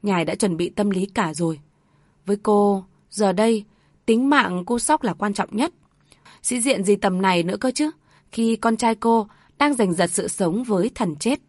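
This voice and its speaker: A woman's voice: medium pitch, normal speed, darkish tone, no room sound, studio quality. A woman reads a family drama aloud as the narrator, with emotive storytelling.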